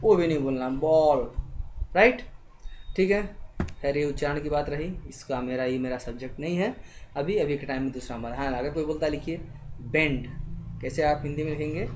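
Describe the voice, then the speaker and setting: Spelling words slowly one letter at a time, a woman teaches her listeners and keeps checking in with "thik hai." Her voice is low-pitched and darkish, with a bit of background noise.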